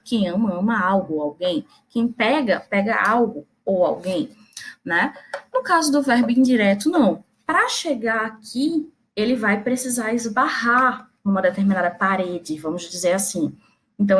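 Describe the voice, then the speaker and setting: A woman's voice: medium pitch, a little hiss or hum. A Brazilian woman teaching Portuguese grammar in a recorded lesson, explaining step by step, checking in with her students and making small playful jokes. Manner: chatty and playful, makes small jokes and slips.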